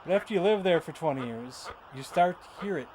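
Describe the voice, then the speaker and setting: A man's voice: on the high side, expressive, fairly quick, a little mellow, slight background noise, rough recording. A man with a Michigan accent chatting casually and rambling, often repeating words as he tells stories. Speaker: streamer. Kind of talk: casual chat.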